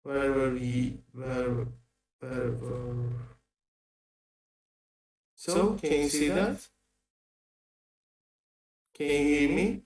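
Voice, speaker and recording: A man lectures slowly at a seminar, his voice arriving through a bad video-call connection that sounds distant and echoey. He talks haltingly and often stops to restart a phrase. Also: medium pitch, a little mellow. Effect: remote voice over a bad online connection. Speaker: invited seminar speaker.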